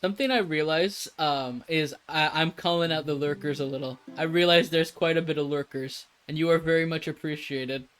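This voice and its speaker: A man's voice: fairly high pitch, fairly even intonation, moderate pace, few pauses, fairly bright tone, clean tone. A man in his thirties chatting casually on a live stream, rambling and laid-back with lots of fillers.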